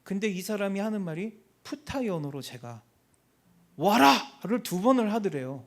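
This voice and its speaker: A man, a missionary, giving an animated church testimony and acting out the people in his story. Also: high-pitched, brisk. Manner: animated, acts out quoted people.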